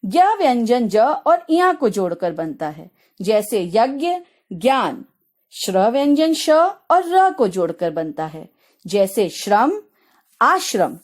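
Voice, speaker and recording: Slow sing-song woman teacher. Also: on the high side, sing-song. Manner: slow, clear, sing-song reciting of letters and examples. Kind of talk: recorded school lesson for young children.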